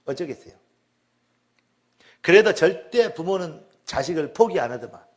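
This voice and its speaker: Male pastor, high-pitched, emphatic storyteller, repeats words for stress. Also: lively intonation, normal speed. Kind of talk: sermon testimony.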